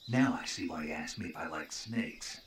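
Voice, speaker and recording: An actor playing a gruff, gravelly male special agent in a video game, dry, terse and sardonic. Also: a bass voice, expressive, normal speed. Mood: dry, wry. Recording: distant, echoey, noisy game capture.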